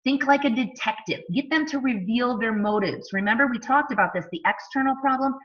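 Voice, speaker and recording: A woman's voice: on the high side, fairly quick, lo-fi sound. A woman in her thirties, a fitness coach, giving a casual sales talk full of "like", "you know" and rhetorical questions. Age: 30s.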